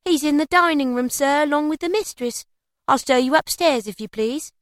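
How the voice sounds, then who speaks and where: A woman's voice: high voice, normal speed, no echo, clean studio sound, voice pushed up, natural voice. A woman voicing an obliging young servant girl in a storybook, polite and deferential. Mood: polite, helpful. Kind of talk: dramatised storybook character voice.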